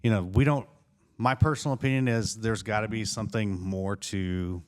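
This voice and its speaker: A man hosts a podcast, asking easygoing questions and thinking aloud with plenty of "you know". His voice is very deep, smooth and resonant. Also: normal speed. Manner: conversational, asks questions, frequent "uh" and "you know". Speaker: podcast host. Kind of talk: casual podcast interview.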